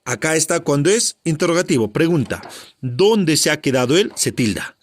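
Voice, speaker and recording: In a spelling lesson, this male grammar teacher talks at a moderate pace in a slightly high, animated voice. Rhetorical questions and quick comprehension checks come up constantly.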